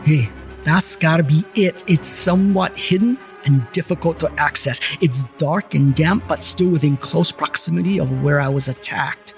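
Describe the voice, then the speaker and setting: Wry investigator narrator; dry asides, a bit high, scripted drama. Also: male voice, moderate pace, gravelly, faint music behind. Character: wry first-person man investigator narrating.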